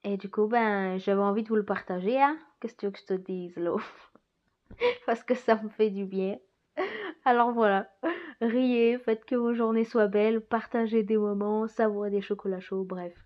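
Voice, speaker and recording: A woman's voice: medium pitch, fairly even intonation, moderate pace. Musing woman in a dull recording. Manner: musing, rambling, laughs often. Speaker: podcast host. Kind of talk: casual reflective monologue.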